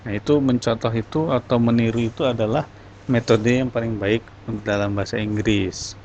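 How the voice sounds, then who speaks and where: A male English teacher gives an online class, encouraging his students and explaining things step by step. His mid-range voice is a little mellow, with fairly even intonation at a normal speed, captured on a dull lo-fi recording with faint noise.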